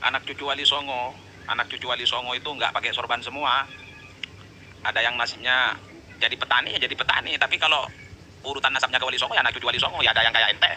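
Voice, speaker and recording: A man in a heated online debate, lecturing forcefully and pressing each point. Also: mid-range voice, fairly even intonation, fast, long pauses, a little hiss or hum. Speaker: livestream debater.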